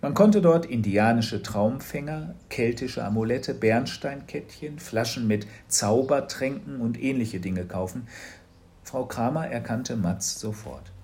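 Speaking at a measured pace in a medium-pitched voice, a man narrates a children's audiobook with expressive storytelling.

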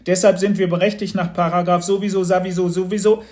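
A man voicing a brisk, officious male customs officer who rattles off official phrases, in a storybook reading. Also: high voice, level tone, a little mellow, pitched above the performer's own voice, close to an everyday voice.

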